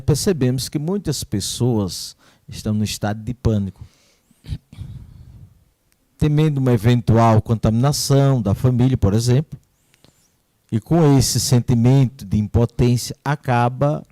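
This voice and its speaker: A man hosts a live stream as a priest and reads viewers' questions aloud. He speaks in a measured way, with a mellow voice on a dry recording. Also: mid-range voice, dry recording.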